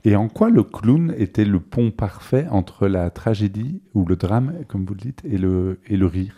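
A man's voice: on the low side, lively intonation, unhurried, mellow. A man co-hosting a radio interview, asking formal, polite questions.

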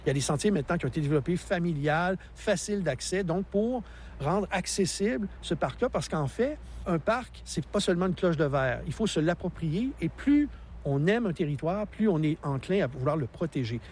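A Québécois man in his sixties, a park naturalist, explains the mountain landscape in a radio interview outdoors, enthusiastic and teacherly, laughing easily. His voice is on the high side and animated, a little fast, with a darkish tone. Slight background noise is present.

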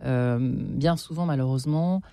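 A woman's voice: very deep voice, a little slow, creaky, mellow, no room sound, studio quality. A woman hosting a radio interview, putting in short prompts and questions. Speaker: radio host.

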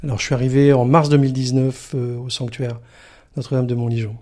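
A middle-aged man from the Paris region, speaking as a guest in a radio interview and pausing often with fillers. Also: mid-range voice, level tone, dark tone. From Paris region, France. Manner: halting, many filler pauses. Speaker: sanctuary communications manager, guest.

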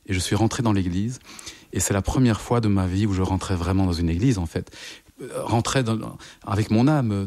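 A middle-aged man from France, a psychologist guest, recounting his life slowly and reflectively while searching for his words. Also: lowish voice, a little mellow. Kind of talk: personal interview testimony.

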